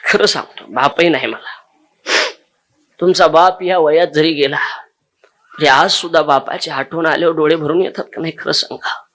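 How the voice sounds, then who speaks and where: A man's voice: fairly high pitch, moderate pace, pauses often, a bit bright. A man from Maharashtra preaching a devotional sermon, telling his own story with emotion and pleading directly with his listeners. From Maharashtra, India. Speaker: kirtan preacher.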